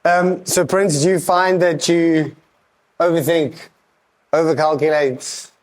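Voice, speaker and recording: An interviewer asks a guest casual questions in a slightly high male voice. He halts often and rephrases his questions mid-sentence before settling on them. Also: fairly even intonation, takes it slowly.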